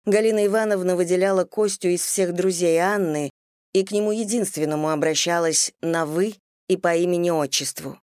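An audiobook narrator reading a novel in steady, even scripted narration. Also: medium pitch, fairly quick, smooth, no room sound, studio quality.

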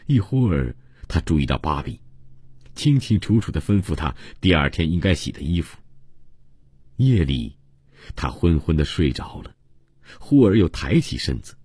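A man narrating a translated novel for radio in a measured, even storytelling manner, close on a studio microphone. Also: deep voice, breathy edge, no room sound. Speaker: audiobook narrator.

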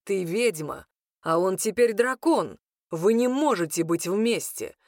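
A woman voicing a stern, commanding male lord in an audiobook, in a harsh lowered voice. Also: measured pace, a little mellow, no echo, clean studio sound, natural voice. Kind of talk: audiobook character reading.

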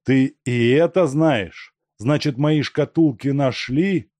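A man's voice: mid-range voice, slow, mellow, no room sound, voice pushed up, lightly acted. A man reading an audiobook, voicing a cornered male murderer who is suspicious and uneasy.

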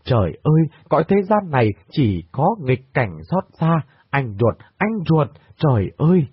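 A distraught young daughter crying out in anguish, voiced by a male reader. Her pitch rises sharply and leaps about. The recording is dry and narrow, like a phone call. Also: big pitch swings, a little slow, husky, no echo, exaggerated voice. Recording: dry, tinny phone-like sound.

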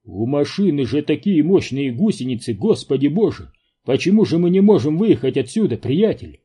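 A man's voice: on the high side, very animated, normal speed, dark tone, slightly rough, heavily acted. A man doing a nervous, pushy cameraman. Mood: uneasy.

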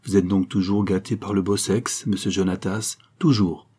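A man's voice: low-pitched, flat delivery, moderate pace, a little mellow, breathy edge. A man putting on an old ragpicker woman. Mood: coarse. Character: old female ragpicker, greedy and vengeful.

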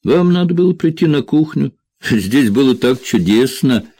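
A man's voice: medium pitch, animated, moderate pace, mellow, no room sound, voice pushed up. A man voicing a tired, wisecracking male hostage in an audiobook. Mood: wry. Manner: tired, joking. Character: weary, wry male hostage.

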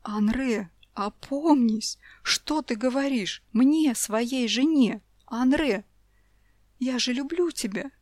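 A woman voicing an exasperated, sharp-tongued young mother in a storybook reading. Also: on the high side, animated, normal speed, dry recording, studio quality, pitched above the performer's own voice, lightly acted. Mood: indignant. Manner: indignant, raised voice.

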